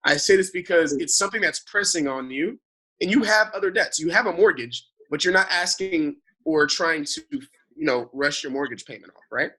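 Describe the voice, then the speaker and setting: Here the same kind of speaker, a man who works as a financial advisor, has a slightly high, somewhat rough voice and a normal pace. Chatting casually about money, he stays animated, goes on in long explanations, and keeps tagging on "right?".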